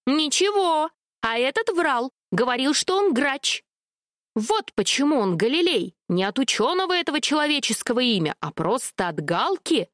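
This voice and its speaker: A woman's voice: sits high, measured pace, no echo, clean studio sound, voice pushed up. Woman doing a hot-tempered, indignant rook. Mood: accusing. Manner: indignant, excitable.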